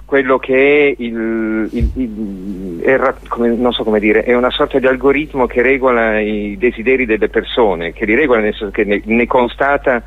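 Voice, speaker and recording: A theatre and dance artist joins a radio program as a guest, explaining a show at length and reaching for words. He speaks in a mid-range voice at a moderate pace with few pauses. There's no echo, though the sound is narrow and tinny, like a phone call.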